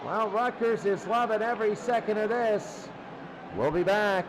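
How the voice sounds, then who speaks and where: Loud crowd noise fills the stadium behind a man giving live football play-by-play. His voice is high and a little slow.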